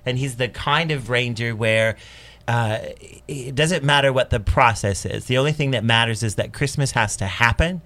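A man's voice: medium pitch, moderate pace, pushed and bright. A man on a radio show as a guest actor, talking hesitantly in a studio. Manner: hesitant, rambling. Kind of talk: radio interview.

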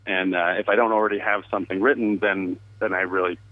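A man, a music producer, talking in a relaxed, casual interview over the phone and laughing easily. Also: low-pitched, fast, no room sound. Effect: heard over the phone. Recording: tinny, dry phone line.

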